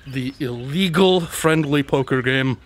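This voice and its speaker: An actor playing Holmes, a smug, unflappable and eccentric detective with a breezy, pedantic manner, in a radio drama. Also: male voice, mid-range voice, a little slow, lightly acted. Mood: self-assured. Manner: breezy, self-assured, pedantic.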